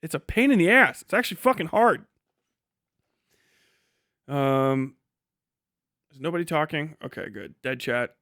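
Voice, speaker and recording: A weary man who hosts livestreams and creates videos chats and rants casually, rambling with blunt, heavy profanity. His high-ish voice sounds pushed and bright, very animated yet unhurried with long pauses, in a dry, clean studio recording.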